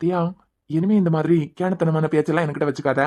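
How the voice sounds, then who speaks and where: A woman's voice: low voice, fairly even intonation, fast, natural voice. A woman voicing a worried young husband in a cartoon who keeps pressing his wife to see a doctor. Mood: gentle. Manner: pressing, gently coaxing. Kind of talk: cartoon voice acting.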